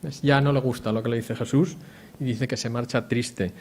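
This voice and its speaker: A man's voice: medium pitch, fairly even intonation, normal speed, darkish tone, slight background noise. A man from preaching a conversational sermon, often asking the congregation questions. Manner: chatty, asks the congregation questions.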